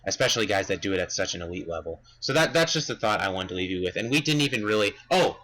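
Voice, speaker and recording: A young man talks sports in a casual podcast chat, pushing his points with emphatic energy. His voice is bright and forceful while sitting somewhat low. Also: fast, poor audio. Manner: animated, emphatic ranting about stats. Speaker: podcast co-host.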